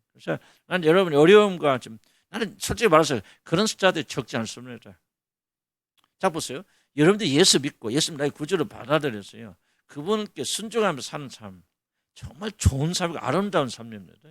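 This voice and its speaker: A middle-aged male pastor gives a colloquial sermon full of rhetorical questions. His voice sits a little high and swings widely in pitch, with a gravelly rasp. The sound is close and dry, with no room echo. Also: fairly bright tone.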